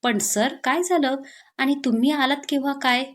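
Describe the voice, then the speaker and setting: Brief: woman reading a mischievous young heroine in a romance storybook, teasing and bright-voiced. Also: sits high, moderate pace, natural voice. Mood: playful. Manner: teasing, playful. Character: playful young woman, cheeky employee.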